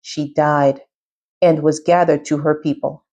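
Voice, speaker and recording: A woman reading scripture aloud with measured, steady narration. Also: deep voice, muffled recording. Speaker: scripture reader.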